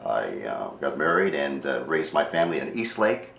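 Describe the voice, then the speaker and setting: An older retired man from Cleveland, a township trustee talking earnestly and haltingly in a casual radio interview. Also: rumbling low, very animated, creaky, fairly bright tone. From Cleveland, Ohio, USA. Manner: earnest, halting, repeats words. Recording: echoey room with faint noise.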